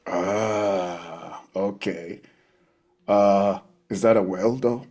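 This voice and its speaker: A man playing a tabletop role-playing game, improvising casually in short, halting replies. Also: lowish voice, vocal fry, a little mellow, slightly rough.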